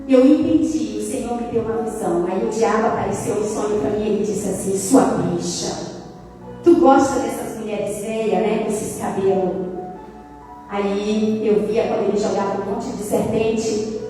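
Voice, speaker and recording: High-voiced woman preacher in an echoey hall. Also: dark tone. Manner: fervent, dramatic storytelling with sung phrases. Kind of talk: testimony sermon. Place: large echoey church hall. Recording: echoey hall, distant mic, faint music.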